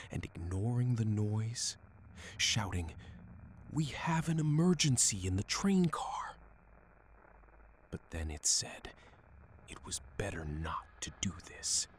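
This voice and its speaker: A man telling a scary bedtime story in whispered narration, slow and hushed. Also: sits low.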